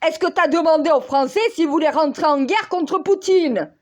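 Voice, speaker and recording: A woman in an exasperated, agitated monologue, scolding leaders and calling on God, her voice worn hoarse. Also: high voice, normal speed, a little mellow. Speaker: self-styled spiritual counselor. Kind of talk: ranting monologue video.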